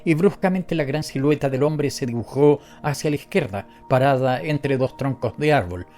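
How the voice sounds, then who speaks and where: A man narrating a story as an audiobook reader, in a steady, measured way. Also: mid-range voice, faint music behind.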